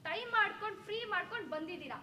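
A woman's voice: very high-pitched, lively intonation, racing, sharp tone, a little hiss or hum, full character voice. A woman acting the spirit of a dead young wife in a stage drama, speaking in a bitter, cutting, reproachful way. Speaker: stage actor. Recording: echoey stage sound.

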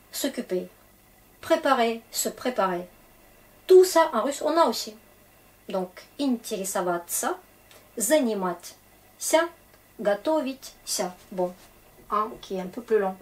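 A woman with a Russian accent teaching Russian grammar in French, explaining patiently and checking in often. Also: a little high. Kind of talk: grammar lesson for French speakers.

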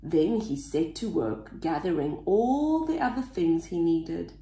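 A woman reading a picture book aloud to children in an expressive, sing-song way. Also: fairly low pitch, unhurried, reverberant. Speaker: children's story reader.

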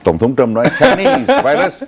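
A man's voice: a little high, huge pitch swings, moderate pace, a crowd in the background. An older man co-hosting a news talk show in a TV studio, recounting stories unhurriedly with some fillers.

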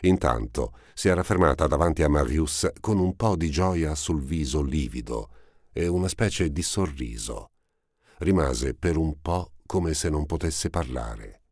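Male audiobook narrator, very deep voice, dry close studio sound, measured read. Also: lively intonation, a little mellow, no room sound. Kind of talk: scripted narration of a novel.

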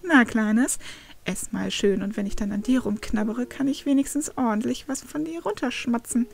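Woman reading as a leering plant creature, slow and deep, menacing hush, storybook read-aloud. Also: creaky. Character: creepy deep-voiced plant man.

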